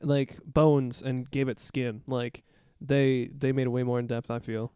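A man's voice: medium pitch, flat delivery, measured pace, dark tone, clean tone, no echo, clean studio sound. A man co-hosting a casual gaming podcast, rambling with many fillers and plenty of enthusiasm. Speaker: podcast co-host.

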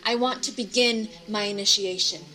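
Young resolute princess, male narrator voicing her; higher, earnest, slight background noise. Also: fairly even intonation, moderate pace, sharp tone.

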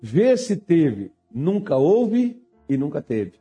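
A man preaching a sermon as a pastor, swinging between hushed, intimate passages and raised, fervent ones. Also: a little high, sing-song, slow, breathy edge, soft background music.

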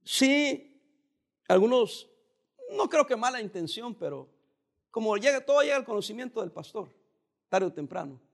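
High-voiced man preaching calmly. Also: normal speed, gravelly, long pauses. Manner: calm, conversational preaching with occasional emphatic rises. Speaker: pastor. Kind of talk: sermon.

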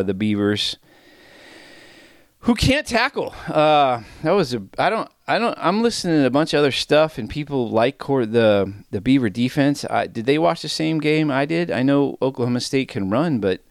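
Studio-quality and free of room sound, the recording captures a mid-range, clean male voice. He's a middle-aged sports betting podcaster chatting solo, a little winded, wandering off topic and making self-deprecating remarks as he goes.

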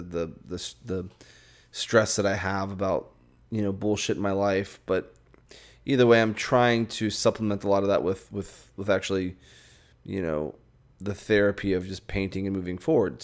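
A tired young man talking frankly and rambling on his own podcast, swearing and restarting his sentences often. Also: lowish voice. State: tired, yawning. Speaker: podcast host. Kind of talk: casual solo podcast monologue.

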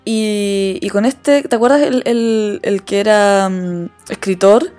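A woman's voice: mid-range voice, fairly even intonation, slow, a little mellow, faint music behind. A woman chatting casually, telling her dating stories candidly and acting out the dialogue with self-deprecating humor. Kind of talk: casual chat.

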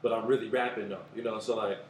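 A man with a Bay Area accent, a rapper talking casually in an interview, laid-back and rambling, often trailing off quietly. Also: lowish voice, little pitch movement, fast, echoey room, a little hiss or hum. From Oakland, California. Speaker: guest rapper.

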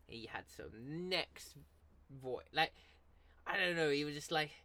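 A man's voice: a little high, expressive, unhurried, gravelly, bright, forceful tone. A man in his twenties with an Essex estuary English accent, chatting casually in emphatic, repetitive, sweary street slang. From Essex, England.

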